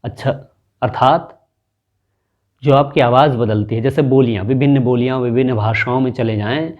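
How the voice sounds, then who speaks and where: A man teaching a spoken lesson, explaining slowly and deliberately and stretching out example words. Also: medium pitch, fairly even intonation, a little mellow, highs cut off.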